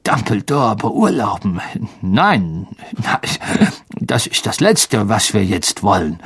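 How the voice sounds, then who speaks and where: A man's voice: fairly low pitch, expressive, slow, vocal fry, slightly rough, heavily acted. A man voicing a nervous, fussing official who stammers in an audiobook reading. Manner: flustered, stammering.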